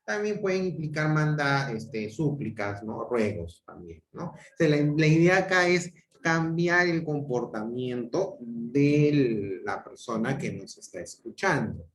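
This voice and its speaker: A man with a Peruvian Spanish accent lectures on grammar over a video call, his pitch rising and falling a lot as he explains. He keeps checking in with short tag questions and restarts his sentences. The sound is echoey, as from a bare room. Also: expressive, measured pace, few pauses. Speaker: teacher. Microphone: computer mic on a video call.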